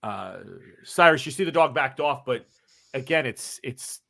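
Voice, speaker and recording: A man's voice: mid-range voice, animated, measured pace, creaky, sharp tone. A man running a tabletop game as game master, narrating and calling rules in a casual, rambling way. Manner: casual, rambling rule calls with fillers.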